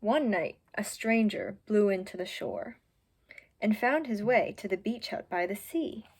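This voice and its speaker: Expressive and measured, this teenage girl's medium-pitched voice is a little mellow and husky. As a student volunteer, she reads a children's picture book aloud, adding informal, chatty remarks for her young audience.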